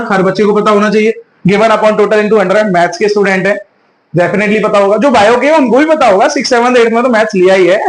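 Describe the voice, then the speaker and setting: A man with a fairly high voice teaches chemistry in an echoey room, mixing terms his talk. He poses questions to the class and answers them himself. He draws out key terms slowly, as if dictating notes. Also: fairly bright tone. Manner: asks questions and answers them himself, calls students "beta"; drawn-out, slow spelling of key terms. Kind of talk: online class lecture.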